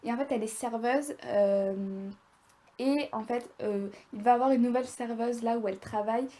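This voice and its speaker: Chatty young woman with a mellow voice. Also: on the high side. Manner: chatty, rambling, animated. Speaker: video creator. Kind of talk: casual review vlog.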